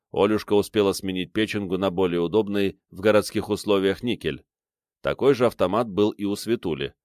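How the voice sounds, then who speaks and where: Deep-voiced man narrating an audiobook. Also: no room sound, clean studio sound. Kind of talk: scripted narration.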